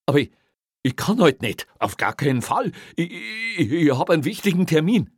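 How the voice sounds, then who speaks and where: Audiobook: narrator putting on a young cop, stammering, pleading, high and strained, dry booth sound. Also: male voice, sing-song, moderate pace, slightly rough, no room sound, heavily acted. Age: young adult. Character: young male policeman, excitable and desperate.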